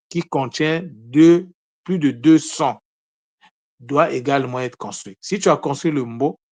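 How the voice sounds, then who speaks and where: A man's voice: fairly high pitch, darkish tone, slightly rough, no room sound. Earnest man teaching in a dry, close sound. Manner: earnest, repeats words and restarts phrases often. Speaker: spiritual teacher. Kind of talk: unprepared spiritual teaching talk.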